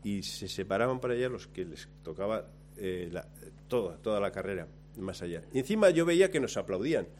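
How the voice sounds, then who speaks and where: A man telling a lively, self-mocking story about himself, acting out his own lines along the way. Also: on the low side, a little fast, slight background noise. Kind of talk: anecdote told to listeners.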